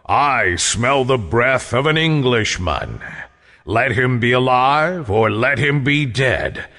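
A man voicing a huge, bad-tempered male giant in a storybook reading, with booming, drawn-out roars. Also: lively intonation, bright, forceful tone, in a large hall, full character voice. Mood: menacing.

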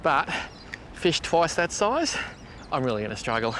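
A man with an Australian accent hosting a fishing show from a boat outdoors, excitable and chatty, laughing often. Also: fairly high pitch, unhurried. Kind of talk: casual outdoor fishing commentary.

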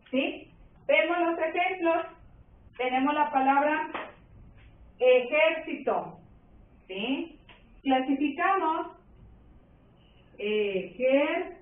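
A woman teacher with a Mexican accent, giving a slow, patient classroom lesson, stretching words and checking that her pupils follow. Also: sits high, very animated. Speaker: primary school teacher. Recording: roomy, distant, phone-like sound.

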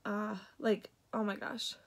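Rambling through a makeup vlog full of ums and likes, this young beauty vlogger and product seller chats casually. Her voice is congested and mid-range, delivered slowly and completely flat.

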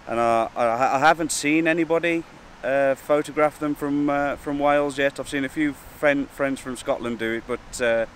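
A man chats to his camera in an informal, halting way. His voice sits at a medium pitch. He is outdoors on a breezy hillside beside rushing water, with faint wind and water noise around him. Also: fairly even intonation. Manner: informal, hesitant and chatty. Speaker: wildlife photography vlogger. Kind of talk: casual vlog to camera.

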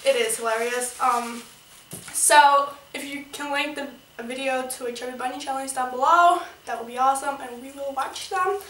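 A young woman hosts a casual vlog in a high, bright voice. She is recorded from a little distance in a roomy space. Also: normal speed. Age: 20s. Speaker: vlog host. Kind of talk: casual chat to camera. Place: small bedroom, indoors. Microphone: camera a couple of metres away. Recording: roomy, distant camera mic, faint noise.

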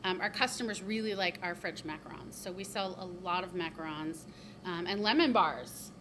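A woman's voice: fairly low pitch, normal speed. A woman who co-owns a bakery, talking upbeat and chatty with many ums in an interview inside her shop. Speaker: bakery co-owner. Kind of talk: casual interview. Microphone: handheld reporter mic. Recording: noticeable background noise.

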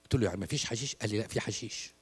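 A man's voice: on the low side, very fast. A male priest with an Egyptian Arabic accent preaching a sermon, telling stories and acting out dialogues, slipping into English phrases. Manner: animated storytelling, acts out dialogues, mixes in English. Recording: long church reverb.

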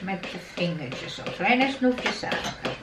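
A woman's voice: mid-range voice, lively intonation, takes it slowly, background noise. An older woman giving patient, step-by-step cooking directions at a table in her home kitchen. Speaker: mother-in-law showing a family recipe. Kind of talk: casual cooking instructions. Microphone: camera on the table a few feet away. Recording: roomy kitchen, distant camera mic, clattering dishes.

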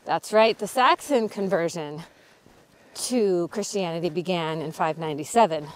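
Out on a cold hillside, a middle-aged woman who is an author and channel host leads a casual walking talk, explaining history with frequent ums. Her voice sits on the low side at a normal speed, and the recording quality is poor.

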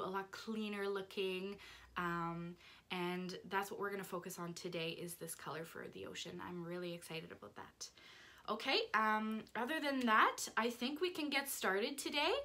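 A woman's voice: medium pitch, fairly even intonation, moderate pace, sharp tone. A woman in her thirties from Canada, a painting instructor who walks through each step of a tutorial in a friendly, instructive way. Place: indoor craft studio with paint shelves.

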